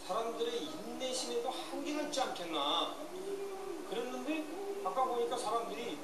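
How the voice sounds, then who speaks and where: Lively-pitched man over very loud noise. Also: normal speed. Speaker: panel commentator. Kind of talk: live commentary, reflective personal observations. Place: outdoors at a large street rally. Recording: echoey, distant, very noisy outdoor broadcast.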